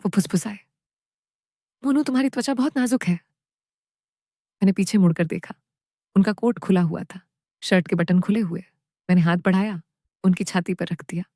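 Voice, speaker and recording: A woman narrating a first-person story, in short phrases with dramatic pauses. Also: on the low side, fairly even intonation, mellow, dry recording, clean studio sound.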